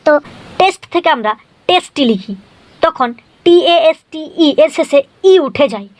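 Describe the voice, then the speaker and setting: A woman teaching English spelling in a scripted video lesson, explaining briskly and often checking in with the viewer. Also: sits high, expressive, no room sound.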